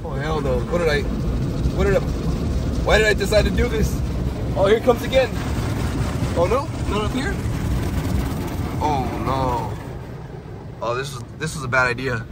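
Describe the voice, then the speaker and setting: Sitting in his truck as it goes through a car wash, a young man chats to viewers on a handheld phone, yelping and laughing nervously. His fairly high voice is sing-song at normal speed with frequent pauses, and the recording is very noisy.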